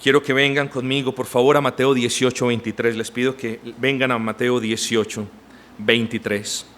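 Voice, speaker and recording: A man's voice: medium pitch, little pitch movement, normal speed, a bit bright, a little hiss or hum. A man preaching a sermon as pastor, talking emphatically and directly to his congregation. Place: church.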